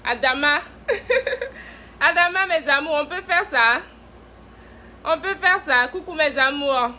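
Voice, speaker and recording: A woman's voice: sits high, animated, takes it slowly, bright, forceful tone, a little hiss or hum. A woman who directs a cosmetics brand, hosting a casual live stream, playful and teasing, laughing often and greeting viewers by name.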